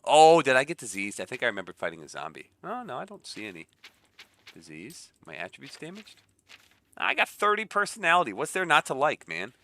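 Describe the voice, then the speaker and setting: Male streamer, nasal and a little congested, joking casual chat, bright tone. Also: mid-range voice, sing-song, brisk, no room sound. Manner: chatty, joking, reacting aloud. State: a bit stuffy with a cold. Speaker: game streamer.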